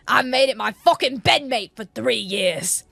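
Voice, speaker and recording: A woman puts on a stubborn young male alchemist from a fantasy audiobook, sardonic and defiant, pitched a little above her own narrating voice. He spits out his words through gritted teeth, in a dry, close recording. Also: lively intonation, measured pace, vocal fry, pushed and bright, dry recording, exaggerated voice.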